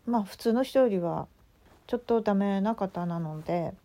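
A woman podcast host with a Tsugaru dialect, telling a story in a casual, animated way with many asides. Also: medium pitch, moderate pace. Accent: Tsugaru dialect of Japanese. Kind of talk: casual solo audio chat.

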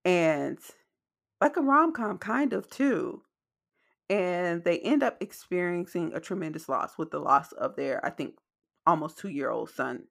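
Creaky-voiced woman podcaster with wet mouth clicks. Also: on the low side, expressive, unhurried, a bit bright. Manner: emphatic, repeats phrases for stress. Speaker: podcast host. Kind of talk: reflective podcast conversation.

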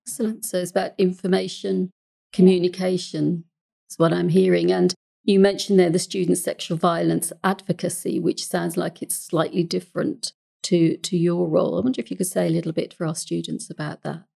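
An English woman who hosts a podcast as a counsellor, speaking calmly and carefully. Her voice is dark and mellow, with a strong gravelly fry and a husky edge. Her delivery is measured and gentle. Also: lowish voice.

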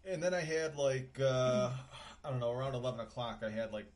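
A man's voice: mid-range voice, a little fast, darkish tone. A middle-aged man co-hosting a home podcast, rambling through a story with lots of fillers. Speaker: podcast co-host. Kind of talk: casual chat. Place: home bedroom.

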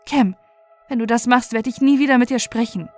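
A woman's voice: on the high side, a little fast, faint music behind, natural voice. Woman reading as a scared teenage girl. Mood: pleading. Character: 18-year-old girl, defiant and frightened.

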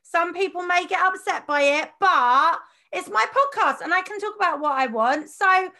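A woman hosts a podcast in a loose, chatty way, full of fillers and easy laughter. Her voice sits high and sounds bright and forward. She keeps the talk moving in casual conversation. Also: moderate pace. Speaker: podcast host.

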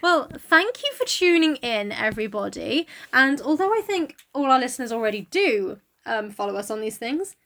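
A woman's voice: on the high side, sing-song, moderate pace, few pauses, a bit bright. A young woman co-hosting a podcast in sweary, joking casual chat. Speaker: podcast co-host.

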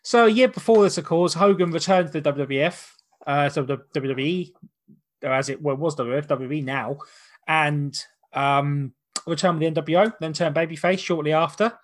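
Higher-voiced man hosting a casual podcast. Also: moderate pace. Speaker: podcast host. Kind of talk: casual watch-along chat.

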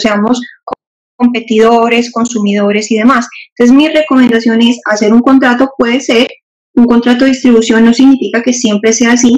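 A woman with a somewhat high voice walks through legal points step by step, checking in with rhetorical questions. The recording is dull and muffled. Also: a little mellow. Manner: measured, explains with examples and rhetorical questions. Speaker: legal guest expert. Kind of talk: explanatory interview talk.

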